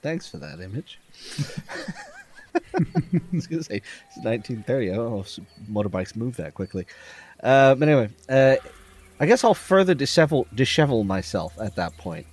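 A man's voice: mid-range voice, sing-song, normal speed, a little mellow. A man playing a tabletop horror game, describing his character's actions in a wry, hesitant way. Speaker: player.

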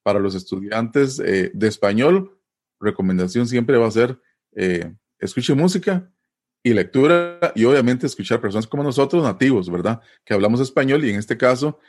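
A man's voice: mid-range voice, lively intonation, moderate pace, darkish tone. A man from Costa Rica with a Costa Rican Spanish accent, explaining things in a conversational interview and often checking in with tag questions.

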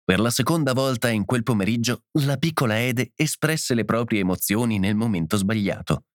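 A man reading a story aloud in a measured, expressive way. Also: medium pitch, no echo, clean studio sound. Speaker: audiobook narrator. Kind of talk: scripted narration.

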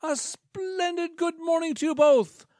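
A shrill, pompous salesman. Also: measured pace, darkish tone, dry recording, clean studio sound. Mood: salesy. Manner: grandiose sales-pitch delivery. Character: high-pitched pompous male timeshare salesman.

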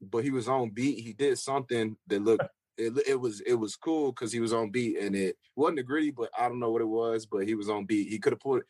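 A man's voice: medium pitch, brisk, a little mellow, no echo, low-quality recording. A young man, a football player, answering interview questions casually with lots of fillers and restarts. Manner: loose, rambling, with many fillers and restarts.

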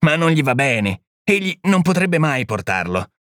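A man's voice: medium pitch, lively intonation, normal speed, fairly bright tone, dry recording, studio quality, close to an everyday voice. A man reading the part of a proud, impatient criminologist who talks brusquely and with scorn. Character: proud, impatient middle-aged male criminologist. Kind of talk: audiobook reading.

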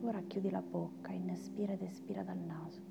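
A woman guiding a meditation in a soft, soothing, breathy voice that slips into a spa-like whisper. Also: fairly low pitch, steady tone, brisk, dull audio, very noisy. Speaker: meditation guide. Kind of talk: guided meditation. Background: meditation music with singing bowls.

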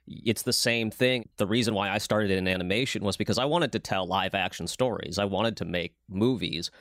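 A man's voice: fairly low pitch, moderate pace, a bit bright, dry recording, studio quality. A man hosting a casual conversation, telling stories with enthusiasm. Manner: enthusiastic, storytelling.

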